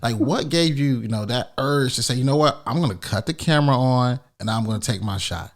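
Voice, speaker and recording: A man's voice: mid-range voice, animated, a little fast. A man hosting a podcast, talking in a casual, hyped-up, encouraging way. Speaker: podcast host. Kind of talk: podcast interview.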